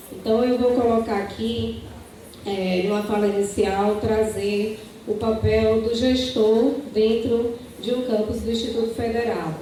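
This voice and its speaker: A woman speaks in a mid-pitched, warm, mellow voice, measured and formal, and she often tags her sentences with "né". She sounds distant from the mic in a strongly echoing room with faint noise around her. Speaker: campus director candidate. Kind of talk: debate opening statement. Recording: echoey room, voice picked up from far off.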